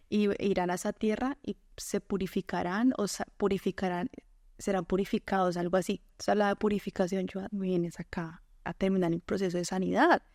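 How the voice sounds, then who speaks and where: A woman's voice: mid-range voice, a little mellow, no room sound, studio quality. Colombian woman sharing her faith story. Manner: earnest storytelling, quick to laugh, quotes herself and God. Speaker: guest. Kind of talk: personal faith testimony in conversation.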